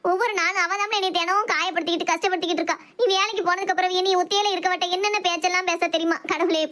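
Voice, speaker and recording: A woman voicing a scolding, self-pitying older mother-in-law in a cartoon, with a Thoothukudi Tamil accent and a wailing, nagging way of talking. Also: pushed and bright. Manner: shrill nagging, wailing complaints. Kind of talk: cartoon voice acting.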